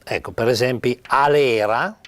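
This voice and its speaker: An older man with a Piedmontese accent giving an informal spoken lesson on spelling, halting with many pauses and fillers. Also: mid-range voice, fairly bright tone. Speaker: writer teaching Piedmontese spelling.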